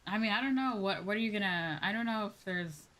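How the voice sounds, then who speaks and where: While streaming a game, a woman chats casually with her viewers in a mid-range, fairly bright voice at a fairly quick clip. She thinks aloud, rambling and often trailing off.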